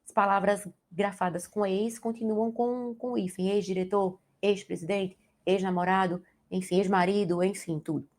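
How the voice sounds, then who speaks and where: In an exam-prep grammar lesson, a young Portuguese teacher from Brazil explains in her Brazilian accent and uses tag questions to check in with the class. Her medium-pitched voice is steady and slightly mellow, moving at a moderate pace with few pauses.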